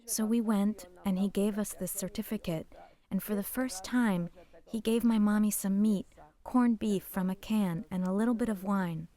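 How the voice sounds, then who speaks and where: Older woman giving halting testimony. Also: mid-range voice, steady tone, mellow. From Poland. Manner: halting, emotional, drops to whispers at painful moments. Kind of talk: personal testimony.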